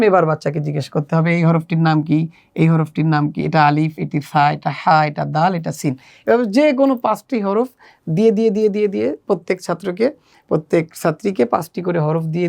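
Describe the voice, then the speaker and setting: Male instructor, gravelly, measured delivery, teacher-training walkthrough. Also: high voice, a little mellow. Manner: measured, explanatory, with frequent "ah" fillers. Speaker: teacher explaining a textbook.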